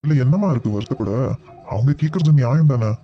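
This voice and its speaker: A man voicing a calm, reassuring grown man in a cartoon web series. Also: mid-range voice, fast, close to an everyday voice. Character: adult man, calm steady family elder brother. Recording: dull lo-fi recording.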